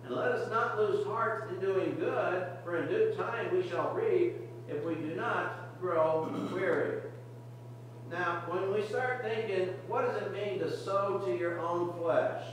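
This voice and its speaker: A man's voice: high voice, slight background noise. An older man preaching a sermon from a church pulpit, earnest and exhorting, often restarting his words. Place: church sanctuary, medium size, indoors. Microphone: podium mic, camera far at back of room. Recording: very echoey distant church recording.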